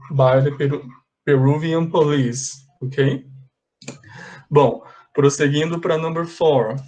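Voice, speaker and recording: A man's voice: a little high, a little mellow. A man teaching an English class online, patiently correcting exercises step by step and slipping in English phrases.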